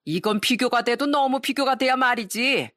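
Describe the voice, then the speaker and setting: A woman voicing a harsh, bossy mother-in-law who barks orders and sneers. Her voice sits higher and a bit louder than plain talk. The sound is dry and close. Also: moderate pace, dry recording, lightly acted. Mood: scolding contemptuous. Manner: scolding, contemptuous, commanding.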